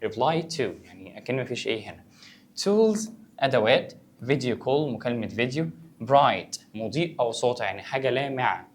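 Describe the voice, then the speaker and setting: In this vocabulary lesson, the male teacher's Egyptian Arabic accent colors his English as he quizzes himself and replies, keeping it conversational. His voice is medium in pitch, expressive, and fairly quick.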